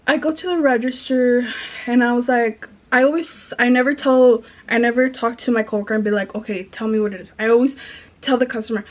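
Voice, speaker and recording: A young woman telling a rambling retail storytime while doing her makeup at home, chatty, full of fillers and restarts. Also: a little high. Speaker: vlogger. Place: bedroom in an apartment.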